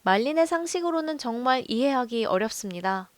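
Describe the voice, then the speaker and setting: A woman narrating a film review in a calm, measured storytelling voice. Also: fairly high pitch. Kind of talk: scripted voice-over narration.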